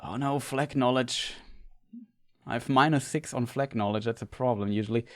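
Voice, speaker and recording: A man's voice: medium pitch, moderate pace. A man, an English speaker, chatting casually with viewers while live-streaming a game, rambling and restarting his sentences.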